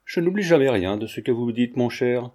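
A proud young countess, curt and demanding, who snaps back at her lover, as a male audiobook reader voices her. The voice stays mellow and dark in tone, with no great pitch lift. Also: expressive, fairly quick, natural voice.

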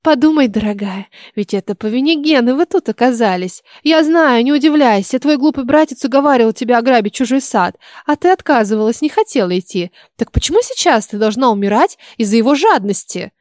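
A woman's voice: fairly high pitch, lively intonation, a little fast, hardly any pauses, darkish tone, no room sound, studio quality, close to an everyday voice. A woman reading the lines of a cruel, cunning old witch in an audiobook, speaking in a coaxing, menacing way. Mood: persuasive.

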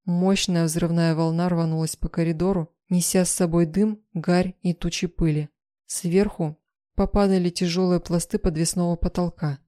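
A woman reading a first-person audiobook, telling the story with tension and emotion. Her voice sits a little low, with a dark, mellow tone. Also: steady tone, moderate pace. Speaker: audiobook narrator.

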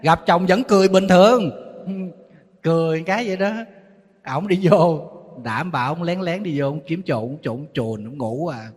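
Man, Southern Vietnamese accent, Buddhist monk, storytelling sermon, fairly high voice, long hall reverb. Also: moderate pace, husky. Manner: storytelling, acting out quoted voices, teasing. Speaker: Buddhist monk giving a dharma talk.

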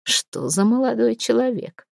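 A woman reading the lines of a pushy, lecherous male business tycoon in an audiobook, in a slow, soft, insinuating way. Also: medium pitch, expressive, dry recording, clean studio sound, close to an everyday voice. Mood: suggestive, insinuating.

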